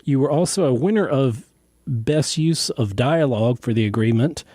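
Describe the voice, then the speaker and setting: A man hosting a radio interview, asking questions in a halting, friendly way with many fillers. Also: medium pitch, animated, mellow, no room sound, clean studio sound. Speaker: interview host.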